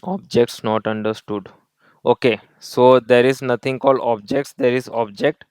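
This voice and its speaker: A male coding tutor walks through a lesson over a screen recording, breaking each step down, repeating key points, and mixing in Hindi tag words. His mid-range voice is smooth, clear, steady, and darkish, at a moderate pace. The recording is dry and close-miked, with no echo.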